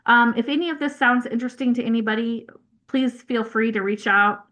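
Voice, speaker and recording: A woman presenting as a family newsletter editor on a video call, halting and self-conscious, with many fillers and apologies. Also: on the high side, steady tone, a bit bright.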